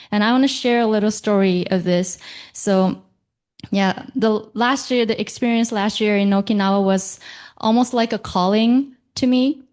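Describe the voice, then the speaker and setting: A young Japanese woman speaks as a conference panelist in a medium-pitched, smooth, slightly mellow voice. Her delivery is slow and halting, with fillers and self-corrections.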